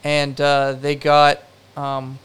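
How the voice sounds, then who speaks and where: A young man in an interview, rambling through anecdotes with plenty of fillers and wry self-mockery. His voice sits a bit high and stays even in pitch. It has a smooth, clean tone. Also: slow pace. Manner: rambling, filler-heavy, self-deprecating storytelling. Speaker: production designer. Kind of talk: casual interview answers.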